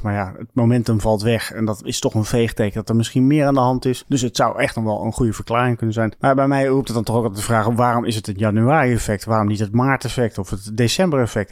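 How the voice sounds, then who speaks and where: A man's voice: mid-range voice, darkish tone, no echo, clean studio sound. A man with a Dutch accent hosting a solo podcast, explaining market statistics in a dryly skeptical, explanatory way. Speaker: podcast host, market commentator.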